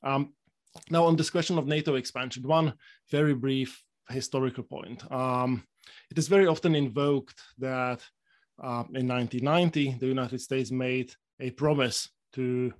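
A man's voice: mid-range voice, steady tone, moderate pace. A man from Slovakia speaking as a panel guest, often hesitating and repeating words as he thinks. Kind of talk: panel discussion.

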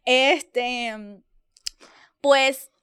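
A woman's voice: high-pitched, fairly even intonation, very slow, sharp tone, smooth, dry recording, studio quality. A young woman with a Puerto Rican accent, co-hosting a podcast as casual chat, telling stories with animation and switching into English phrases. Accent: Puerto Rican Spanish. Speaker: podcast co-host.

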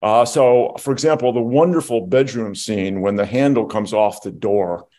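A man's voice: on the low side, normal speed, mellow. A man co-hosting a film podcast, talking through a movie in an explanatory, thoughtful way, with frequent restarts. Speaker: podcast co-host. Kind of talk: casual film discussion.

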